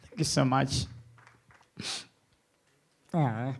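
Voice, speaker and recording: A man's voice: medium pitch, very slow, creaky. A man acting as master of ceremonies, energetically hyping up a live event crowd with repeated calls.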